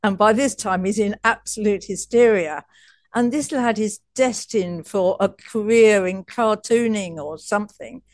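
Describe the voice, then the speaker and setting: Speaking unhurriedly in a medium-pitched voice, this woman is a coach guesting on an interview and sharing casual stories. She chats freely, frequently restarts, and laughs often, and the studio recording is clean with no echo.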